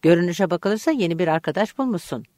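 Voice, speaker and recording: A man's voice: high-pitched, expressive, quick pace, a little mellow, no echo, studio quality. A woman reading the part of a kindly, good-humoured middle-aged uncle in an audiobook. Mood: friendly.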